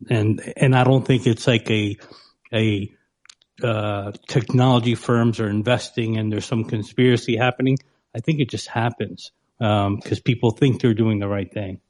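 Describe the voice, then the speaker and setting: A man from the United States on a discussion panel, speaking in a reflective, relaxed way. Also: lowish voice.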